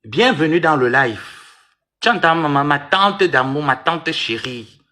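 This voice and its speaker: A man's voice: fairly high pitch, lively intonation, unhurried, sharp tone. A man hosting a livestream, taunting and arguing in a mocking, repetitive way. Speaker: live-stream host. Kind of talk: livestream rant and chat.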